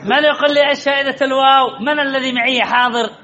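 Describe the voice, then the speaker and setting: A man's voice: very high voice, fairly even intonation, quick pace, pushed and bright. A man teaching a grammar lesson to a class, drilling points over and over and calling on students by name with teasing remarks. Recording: dull lo-fi recording.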